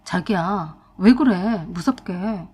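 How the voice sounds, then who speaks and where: A woman's voice: fairly low pitch, takes it slowly, darkish tone, slightly rough, voice pushed down. A woman voicing a weak-willed young husband who pleads and sulks in a storytelling narration. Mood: pleading.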